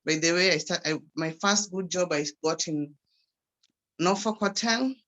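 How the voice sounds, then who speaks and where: Older Kenyan woman, grandmother, guest testimony on a video call, bright forward voice, chatty with restarts. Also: on the low side, unhurried. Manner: conversational, with frequent restarts. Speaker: guest speaker.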